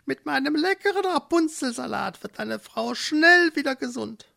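A storyteller voicing a coy, calculating old female herb witch in a high, drawn-out, sing-song voice for a children's storybook. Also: expressive, vocal fry, bright, forceful tone, heavily acted.

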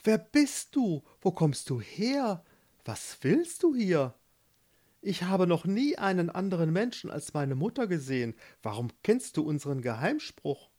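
A storyteller voicing a timid young maiden in a tower, soft and a little anxious, in a read-aloud fairy tale. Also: mid-range voice, big pitch swings, a little slow, pitched above the performer's own voice. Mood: flustered.

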